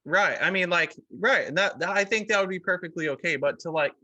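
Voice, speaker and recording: A man's voice: high voice, a little fast, bright, forceful tone, lo-fi sound. A man co-hosting a podcast, chatting casually with lots of "like" and "um". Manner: loose, filler-heavy, with many likes and ums. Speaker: podcast co-host. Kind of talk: casual opinion chat.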